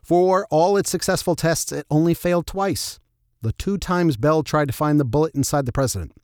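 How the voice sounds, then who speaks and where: A man with a slightly high voice tells a story as a true crime narrator would. The delivery is scripted yet wry, with tongue-in-cheek humor, and the sound is close and dry. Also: moderate pace, darkish tone, clean tone, dry recording. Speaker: narrator and host of a history show.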